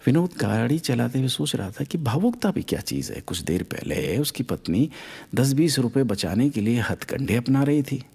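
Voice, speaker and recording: A man's voice: mid-range voice, big pitch swings, moderate pace, gravelly, a little mellow, husky. A man narrating a short story, expressively raising his voice for the characters' lines.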